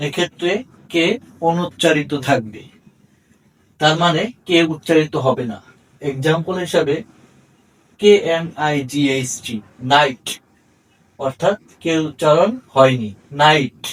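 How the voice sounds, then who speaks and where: A man's voice: a little high, distant mic, low-quality recording. A man with a Bangladeshi accent, a Bengali speaker, teaching English pronunciation in a short video lesson and spelling words out letter by letter.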